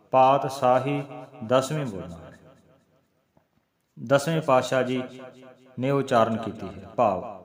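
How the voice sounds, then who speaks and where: A man teaching the correct recitation of scripture, spelling out each letter slowly and chanting the verses. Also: mid-range voice, roomy sound. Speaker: Gurbani teacher. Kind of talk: slow recitation lesson with explanation.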